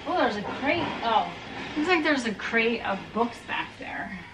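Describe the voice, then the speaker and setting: Her voice on the high side with lively intonation and a measured pace, a woman in her thirties vlogs from inside a metal storage unit against a noisy background. As a reseller, she sorts through items and chats wryly to the camera about every find.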